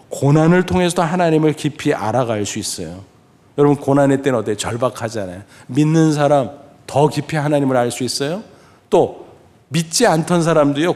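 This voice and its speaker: Middle-aged pastor preaching, fairly high voice, lively, keeps asking the crowd questions and acting out quotes. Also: male voice. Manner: lively preaching, speaking directly to the congregation with questions; acts out quoted voices with sudden pitch jumps. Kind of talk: sermon.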